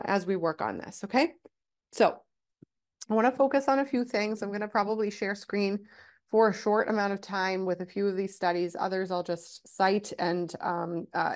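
A woman hosting a parenting podcast, explaining in a casual teaching way with many "right?" check-ins, her voice stuffy and nasal from a cold. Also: medium pitch.

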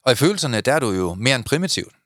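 A man co-hosting a casual podcast, talking bluntly and in an animated way. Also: medium pitch, dry recording, studio quality. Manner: animated, blunt, tells crude anecdotes. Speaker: podcast co-host.

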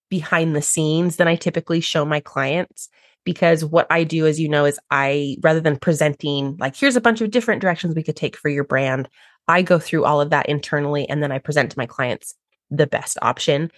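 On a podcast, a woman who works as a brand strategist and designer eagerly explains her process, acting out her clients' reactions in high-pitched voices. The recording is clean studio sound with no room sound.

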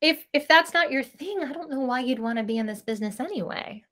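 A woman with a high-pitched, animated, fairly bright voice talks a little fast as a podcast guest in a casual video-call interview. She owns a princess party company and speaks effusively and ramblingly, with giggly asides.

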